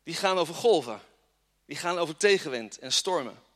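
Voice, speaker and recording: A man's voice: fairly high pitch, expressive, normal speed, a bit bright. A man preaching a fervent sermon in a church and reading scripture with strong emphasis. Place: church hall with congregation. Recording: long reverb of a church hall.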